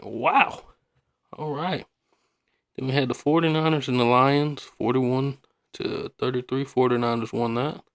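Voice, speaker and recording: A man hosting a podcast in a casual, rambling, colloquial way, often repeating himself. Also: mid-range voice. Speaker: podcast host.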